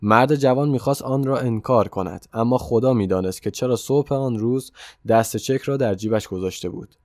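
A man giving steady scripted narration of an audiobook story. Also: medium pitch, dry recording, clean studio sound.

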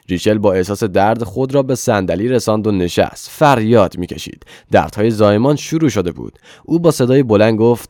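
A man narrating a novel in a steady, even storytelling voice. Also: fairly low pitch, no echo, clean studio sound. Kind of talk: scripted audiobook narration.

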